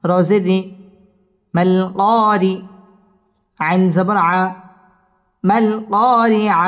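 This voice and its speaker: Slow high-voiced man teaching Quran recitation. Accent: Bangladeshi. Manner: slow, drawn-out recitation, letter by letter. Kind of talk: Quran tajweed lesson, spelling letters and reciting. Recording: long reverb and faint music.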